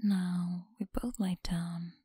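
A woman's voice: on the low side, level tone, mellow, no echo. A woman playing a whispering, possessive school bully. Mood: teasing. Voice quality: breathy whisper. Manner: slow, mocking whisper close to the ear. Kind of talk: ASMR roleplay.

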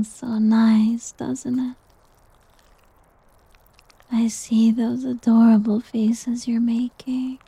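Woman doing a slime creature asmr roleplay, teasing soft whisper, super slow and even. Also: on the high side, dry recording, exaggerated voice. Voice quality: breathy. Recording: dull lo-fi audio.

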